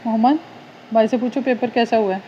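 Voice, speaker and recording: A woman's voice: fairly high pitch, fairly quick, mellow, dull audio, a little hiss or hum. A Pakistani woman, a mother at home, coaxing her small child in affectionate, repetitive baby talk. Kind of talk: casual home vlog talking to her toddler. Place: indoors at home, fan running.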